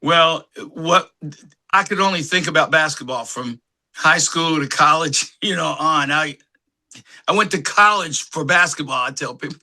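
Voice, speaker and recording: A man, an actor guest, telling lively anecdotes and acting out what others said, laughing often. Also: a little high, normal speed. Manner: animated anecdotes, acts out quotes, laughs often. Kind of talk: casual storytelling.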